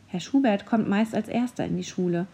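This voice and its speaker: A woman's voice: medium pitch, brisk, creaky, warm tone, slightly rough. A woman reading a kindly wise owl. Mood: reassuring. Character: kindly wise owl, helpful school mascot.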